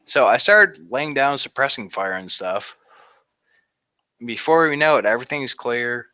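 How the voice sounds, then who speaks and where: Speaking a little slowly and expressively, a veteran in his thirties shares his war story as an interview guest, rambling with plenty of "like" and laughter at the grim parts. His mid-range voice sounds pushed and bright. The recording is dry.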